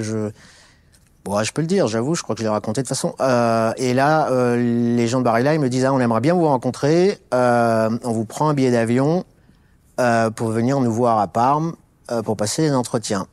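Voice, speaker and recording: Telling his story with frequent fillers and restarts, a middle-aged executive from Alsace, France, speaks as a guest in a conversational interview. His voice is medium in pitch with a darkish tone, captured without room sound.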